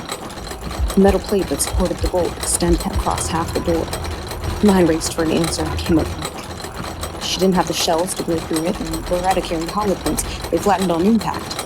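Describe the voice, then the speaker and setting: A woman's voice: fairly low pitch, noisy background. A woman narrating a horror audiobook with tense, dramatic storytelling. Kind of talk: scripted narration.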